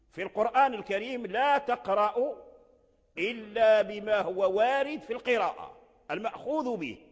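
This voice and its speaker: A man with a high voice gives a patient lesson on Quran recitation rules. He pauses and repeats words mid-thought and slows to sound out examples. His voice carries a long hall reverb. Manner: halting, repeats words while explaining, slows to spell out examples. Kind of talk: spoken religious lesson on Quran reading rules.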